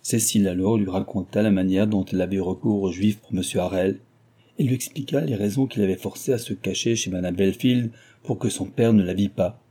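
A man narrating a classic novel as an audiobook, with a very dark, mellow tone and a husky grain to his voice. His reading is measured and steady, rising for the characters' lines. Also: lowish voice. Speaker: audiobook reader.

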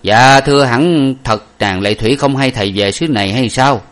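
A man voicing a humble male servant who speaks politely and deferentially, slightly raised in pitch. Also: moderate pace, a bit bright, close to an everyday voice.

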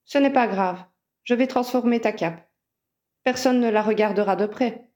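Brief: cheerful, insistent young male wizard, warm and mellow, voiced by a woman narrator. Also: fairly high pitch, normal speed, lightly acted.

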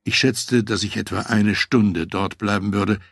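A man reading a first-person memoir aloud, telling the story in a measured, reflective way. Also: fairly low pitch, steady tone, vocal fry, fairly bright tone, husky, dry recording, clean studio sound. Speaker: audiobook narrator.

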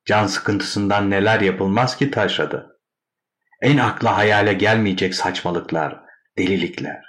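A man narrating a classic short story in a measured, wry storytelling manner. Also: low-pitched, a bit bright.

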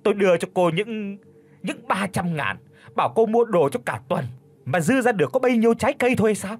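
A man doing a shrill, spiteful old mother-in-law. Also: lively intonation, husky, exaggerated voice. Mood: scolding. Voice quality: shrill, sharp-tongued. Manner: scolding, fast accusing questions. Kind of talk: audiobook character voice.

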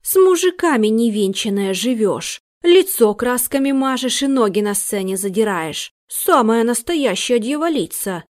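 A woman voicing a superstitious male butler, a former captain, hoarse and indignant in an audiobook. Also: animated, measured pace, few pauses. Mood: fierce. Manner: indignant, raised pitch.

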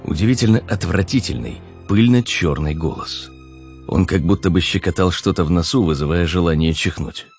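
A man narrating an audiobook in an even storytelling delivery. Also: low-pitched, moderate pace, creaky, soft background music.

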